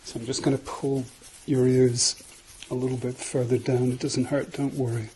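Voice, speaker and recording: A British man doing an ASMR ASMR role-play, soft-spoken and slipping into speaks softly, giving insistent, repeated instructions and reassurance. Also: mid-range voice, flat delivery, moderate pace, a little hiss or hum, low-quality recording.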